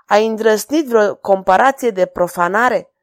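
A woman reading aloud voices a mocking, imperious male king who gives orders loudly. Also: fairly high pitch, sing-song, dry recording, studio quality. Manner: commanding, scornful.

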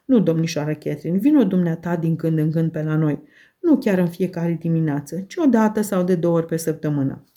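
A woman's voice: low-pitched, expressive, dark tone. A woman reading aloud voices Heathcliff, a cold, sardonic middle-aged man who speaks with contempt. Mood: curt.

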